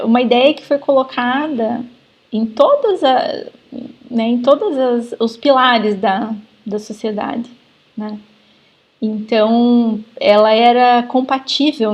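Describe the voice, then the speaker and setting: A woman's voice: fairly high pitch, darkish tone. Brazilian woman lecturing on a video call. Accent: Brazilian Portuguese. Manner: explanatory, many fillers like né. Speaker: genetics lecturer. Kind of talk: live online class discussion.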